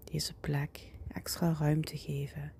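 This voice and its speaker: A woman leads a guided body-scan relaxation in a soft whisper close to the ear, giving slow, soothing instructions. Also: low-pitched, little pitch movement, gravelly. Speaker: guided meditation leader.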